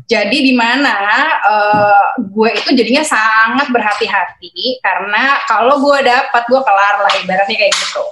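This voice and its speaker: A woman's voice: a little high, normal speed, few pauses, background noise. A middle-aged woman, telling a personal story as an interview guest in a chatty way, acting out dialogue with many fillers. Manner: chatty, acts out quoted dialogue, frequent fillers. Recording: roomy echo.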